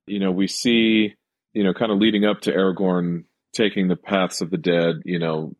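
A man's voice: deep voice, little pitch movement, normal speed, no room sound. A man co-hosting a podcast, talking about a film in casual chat and rambling with lots of fillers. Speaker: podcast co-host.

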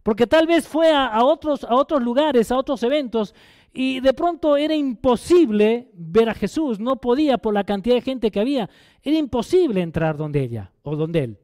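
A man's voice: very high voice, lively intonation, normal speed, darkish tone, no echo, studio quality. A male pastor preaching a sermon, asking the congregation questions and repeating phrases for emphasis.

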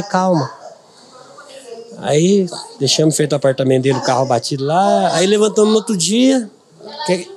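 A man's voice: on the high side, darkish tone. Middle-aged man telling an earnest story. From Brazil. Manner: earnest, repeats words for emphasis. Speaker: podcast guest, businessman. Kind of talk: emotional personal storytelling.

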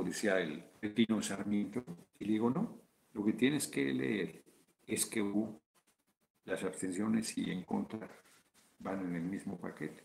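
Gravelly Mexican man, rambling commentary. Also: fairly low pitch, darkish tone. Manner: rambling, informal, profane asides. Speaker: video chat host. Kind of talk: casual political commentary.

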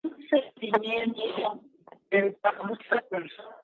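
A man speaking as a guest psychotherapist in a calm, reflective way over a phone call that keeps dropping out. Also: high-pitched, takes it slowly, slight background noise. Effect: call dropping out, breaking up. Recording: tinny phone line, breaking up.

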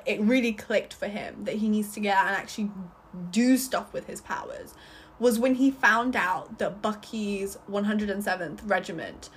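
A young woman giving a casual, rambling film review, full of fillers and restarts, with a slightly husky voice. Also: mid-range voice, slight background noise.

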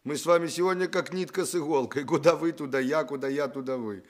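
In a Soviet radio play, an actor portrays a roguish young male thief from Odessa who is cheeky yet pleading. His male voice is on the high side and quick-paced, lightly acted, with colloquial, wheedling and theatrically expressive delivery.

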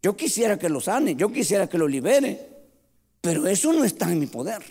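A man preaching a sermon with passion, shouting at the peaks and dropping to quiet storytelling, often calling the listeners "brother". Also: sits high, big pitch swings, normal speed, breathy edge, in a large hall. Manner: addresses listeners as "hermano" often. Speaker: pastor.

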